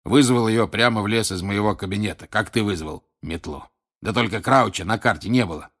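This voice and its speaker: A man voicing a scarred, gruff old male wizard teacher in an audiobook, with a creaky voice and a curt, grumbling manner. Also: fairly low pitch, fairly quick, a bit bright. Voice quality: creaky, gravelly. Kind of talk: audiobook character voice.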